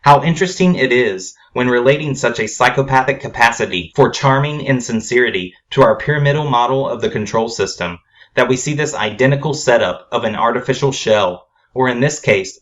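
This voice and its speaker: Essayist narrator, male, grave and formal read, steady mid-range voice. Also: medium pitch, dull audio. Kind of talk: scripted spoken essay.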